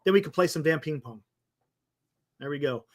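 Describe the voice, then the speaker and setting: A man co-hosting a casual sports talk show, excitable and laughing often. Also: fairly high pitch, normal speed. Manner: laughs often, excitable, says "dude" a lot. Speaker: co-host.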